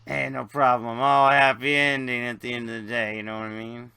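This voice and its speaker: A man's voice: mid-range voice, level tone, brisk, creaky, sharp tone. A man voicing a crude, jolly male alien sidekick who speaks in broken, cheery phrases.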